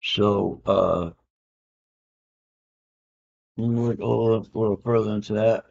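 A slow, low, gravelly man rambles his way through unboxing a comic he won at auction. His manner is easygoing, peppered with "uh" fillers and phrases like "man" and "I can dig it." The setting is a home room full of comic art, captured with dull lo-fi camera sound.

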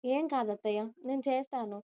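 A woman plays a bubbly young woman who talks fast and pleads with a coaxing lilt. Her voice is fairly high, warm and smooth. It is recorded close and dry for a storybook reading. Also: natural voice. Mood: chatty. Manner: chatty, pleading, stammering when caught. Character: playful, nervous young woman.

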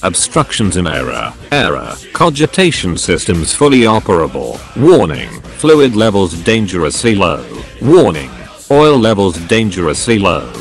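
A man voicing a damaged, glitching war machine that reads out clipped, flat error reports in a robotic voice. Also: sits low, normal speed, few pauses. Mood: malfunctioning. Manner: clipped flat status readouts. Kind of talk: storytelling, reading machine diagnostics.

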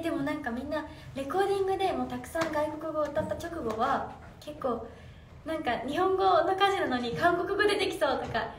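Bubbly high-voiced young woman livestreaming. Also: far from the mic. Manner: bubbly, giggly, reads comments aloud and answers. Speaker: idol livestreaming, reading fan comments. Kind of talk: casual livestream chat. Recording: roomy echo, off-mic, faint room noise.

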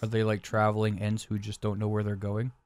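A man's voice: on the low side, completely flat delivery, a little fast, darkish tone. A young man co-hosting a let's play, chatting casually and rambling, swearing freely and joking as he plays. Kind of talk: casual gameplay chat.

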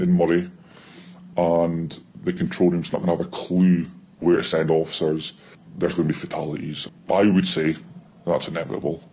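A man's voice, disguised and shifted very deep, with a dark, muffled tone. He speaks bluntly and gravely as an anonymous insider and stumbles into halting restarts. A faint hiss sits under the voice. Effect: voice disguised, pitched deep. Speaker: police insider. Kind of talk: news interview clip.

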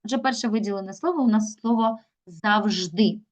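Woman teacher sounding out words slowly. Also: mid-range voice. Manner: slow, drawn-out syllables when sounding out words. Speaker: primary school teacher. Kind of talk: recorded video lesson for young children.

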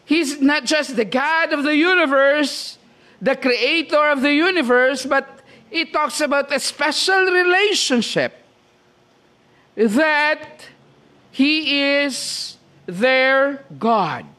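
Filipino male preacher, high-pitched, slow and measured sermon delivery. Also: pushed and bright. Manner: slow, deliberate preaching with frequent "okay?" check-ins.

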